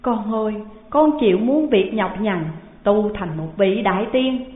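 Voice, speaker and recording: A woman's voice: medium pitch, a little slow, close to an everyday voice. A woman doing a grieving old royal mother. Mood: grief-stricken. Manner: sobbing lament. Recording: tinny phone-like sound, long hall echo.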